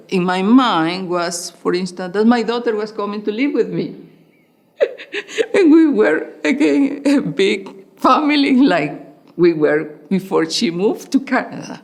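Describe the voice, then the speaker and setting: A woman's voice: medium pitch, lively intonation, takes it slowly. An older woman from Venezuela telling her family's story in an oral history interview.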